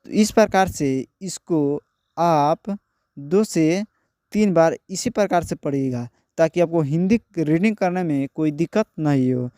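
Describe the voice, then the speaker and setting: A man's voice: a little high, warm tone, dry recording, studio quality. A man teaching children to read, going word by word and spelling out syllables, then asking who did what. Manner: slow, word-by-word with repeated questions. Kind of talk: children's Hindi reading lesson.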